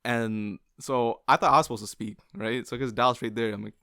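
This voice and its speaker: A man's voice: medium pitch, steady tone, brisk, bright, forceful tone, smooth, no echo, clean studio sound. A man co-hosting a podcast, telling a story in casual chat and laughing often as he goes. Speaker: podcast co-host.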